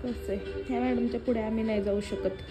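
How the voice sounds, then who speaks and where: A young woman vlogging at home, switching between sing-song baby talk to her toddler and calmer asides to viewers. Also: a little high, brisk, echoey room, music in the background, rough recording. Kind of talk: casual family vlog, talking to a toddler and the camera.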